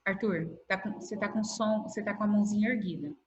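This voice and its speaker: A middle-aged woman with a Brazilian accent, a primary school teacher giving a patient online class and slowly stretching out words to show how they split. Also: mid-range voice, dull audio, slight background noise. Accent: Brazilian Portuguese. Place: home room on a video call. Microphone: laptop mic on video call. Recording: echoey video-call audio.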